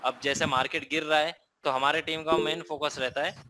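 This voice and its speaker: A man's voice: on the high side, level tone, normal speed, bright, forceful tone, a little hiss or hum, poor audio. A man with an Indian accent teaching a live trading class, explaining casually and often checking in with listeners.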